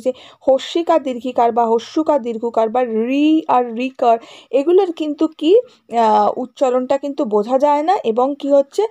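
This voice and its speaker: A woman teacher walks schoolchildren through a grammar lesson, going over each rule more than once and checking in with her pupils after every point. Her voice sits high, with a soft, mellow tone. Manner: explains and repeats, checks with "right?" and "okay?".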